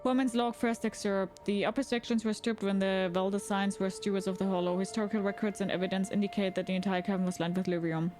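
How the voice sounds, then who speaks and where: Speaking quickly and steadily with hardly any pauses, a woman streams a game and chats casually with her viewers, asking questions and reading game text aloud. Game music plays behind her, and she describes her own voice as fairly deep.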